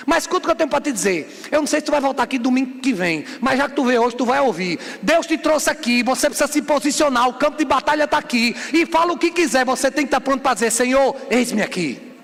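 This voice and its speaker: A bishop preaches a fiery sermon, firing rhetorical questions at his congregation. His voice sits very high for a man and has a gravelly, creaky grain. It rings out with the long reverb of a large church hall. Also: animated, fast talker, few pauses, fairly bright tone.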